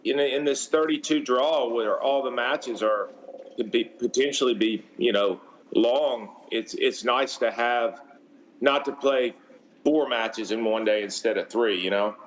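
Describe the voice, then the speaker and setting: A man's voice: medium pitch, a little slow, a little hiss or hum, low-quality recording. Chatty male color commentator. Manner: conversational, hesitant restarts. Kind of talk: sports commentary.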